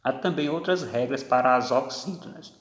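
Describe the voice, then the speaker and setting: A man teaching a grammar lesson, speaking slowly and deliberately and stretching out each example word. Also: mid-range voice. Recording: echoey room with long reverb.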